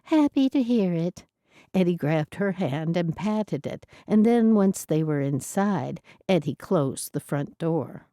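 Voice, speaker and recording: Low, slow woman narrating an audiobook. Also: mellow, no room sound, clean studio sound. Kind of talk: scripted narration.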